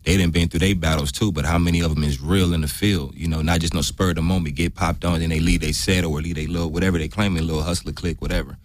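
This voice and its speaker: A man's voice: sits low, steady tone, fast, hardly any pauses, slight background noise. A male rapper being interviewed, talking casually in slang and often checking that the listener follows. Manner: street slang, repeats "you feel me". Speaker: rapper guest.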